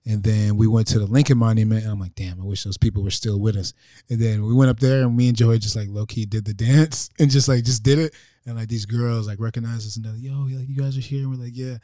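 A young man telling a story as a podcast guest, slangy and casual, acting out quotes softly. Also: fairly low pitch, fairly even intonation, fast talker, no echo, studio quality. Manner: slangy, acts out quotes in soft voices.

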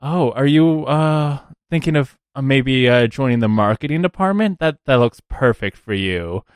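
A man voicing a smiling, pushy female corporate recruiter who flatters everyone she meets. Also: medium pitch, normal speed, smooth, no echo, clean studio sound, voice pushed up, close to an everyday voice. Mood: gushing. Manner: gushing, flattering sales talk.

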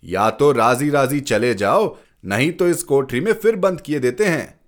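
A stern, impatient father, voiced by a man in a spoken story, barking orders and scolding in a voice that rises and falls sharply. Commanding and short-tempered, with plenty of movement in the pitch. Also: sing-song, slow pace.

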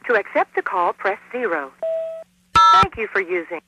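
A woman's recorded operator voice announcing a collect call from jail over a payphone line, read in a formal, even manner. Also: medium pitch, normal speed, heavy background noise. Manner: even, formal, prompt-reading delivery. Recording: distant tinny phone line played back inside a song.

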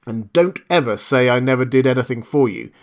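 A man voicing a magical desert djinn in a storybook reading, speaking slowly and emphatically with stern authority. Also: mid-range voice, animated, close to an everyday voice.

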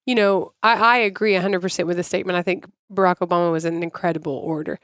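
A woman in a casual podcast chat, debating and quick to push back. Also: fairly low pitch, fairly even intonation, no room sound, clean studio sound.

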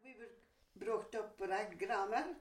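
A woman's voice: mid-range voice, steady tone, measured pace. Woman with a broad Doric accent. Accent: broad Doric, northeast Scotland. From Peterhead, northeast Scotland. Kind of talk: casual chat.

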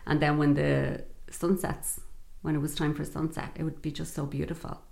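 A woman from Dublin's north side speaks in a low, gravelly voice with a Dublin Irish accent, her tone level and a little mellow at a normal speed. As a guest in a conversational interview, she tells stories reflectively, using frequent fillers and laughing as she goes.

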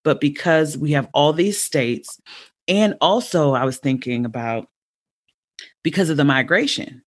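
A woman in her forties hosting a podcast, chatting casually and thinking aloud, with many restarts and sudden jumps up in pitch. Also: animated, unhurried. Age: 40s. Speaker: podcast host and educator. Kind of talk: casual conversational interview.

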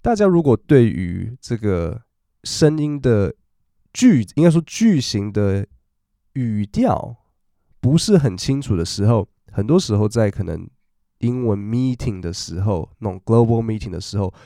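A man's voice: lowish voice, very animated, unhurried, creaky, warm tone, dry recording, studio quality. A man, hosting a casual, chatty podcast about work English. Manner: chatty, storytelling, acts out quoted voices. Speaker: podcast host teaching English. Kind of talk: casual chat.

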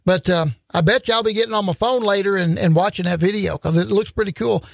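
Radio cohost dude, high creaky voice, casual and kinda hesitant, dry studio. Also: male voice, quick pace, dry recording. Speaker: radio co-host.

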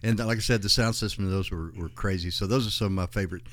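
A man's voice: deep voice, fast, fairly bright tone. A man, chatting casually as a guest and rambling through memories with many fillers. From West Texas. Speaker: guest, host's father. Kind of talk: casual chat.

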